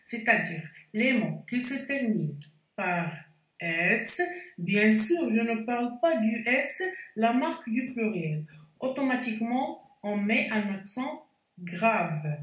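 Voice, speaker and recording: A woman teaching a spelling lesson, explaining slowly and carefully with frequent hesitations. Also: a little high, expressive. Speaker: French teacher. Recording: echoey room, voice distant from mic.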